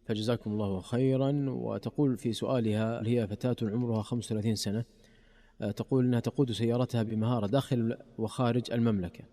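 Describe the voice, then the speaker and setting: Brisk man presenting in formal Standard Arabic. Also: mid-range voice, fairly even intonation, warm tone, in a large hall. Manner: courteous, formal. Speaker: radio program host.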